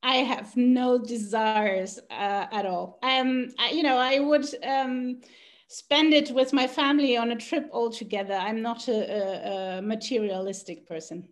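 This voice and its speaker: A woman's voice: fairly high pitch, steady tone, unhurried. A middle-aged woman from South America, a podcast guest talking casually, hesitant with many fillers and frequent laughs. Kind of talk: casual interview chat.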